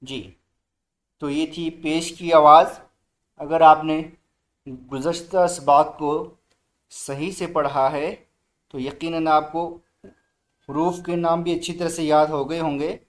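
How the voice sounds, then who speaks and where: A man teaching Quran reading in a recorded online lesson, drawing out each letter sound slowly and urging the learner to read aloud. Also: fairly high pitch, fairly even intonation. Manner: slow drawn-out letter drills, brisk asides to the student.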